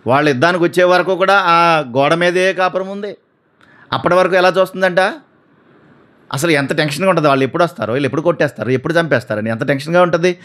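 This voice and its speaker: A man preaching a sermon, animated, acting out voices and asking the congregation questions. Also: fairly high pitch, fast.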